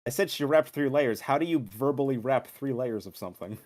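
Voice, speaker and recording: A man's voice: medium pitch, a little fast, darkish tone. A man co-hosting a podcast, talking casually and enthusiastically about a movie he loves. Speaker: podcast co-host.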